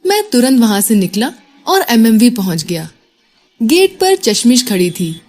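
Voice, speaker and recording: A woman narrating a love story in an expressive storytelling voice. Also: a little high, a little slow. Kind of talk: scripted narration.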